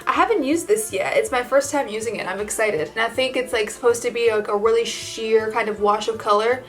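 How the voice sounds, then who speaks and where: A woman's voice: on the high side, fairly quick, fairly bright tone, faint music behind. A woman vlogger talking casually to her viewers in a bubbly, gushing, informal way, as in a makeup tutorial. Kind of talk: casual chatty vlog tutorial addressed to viewers.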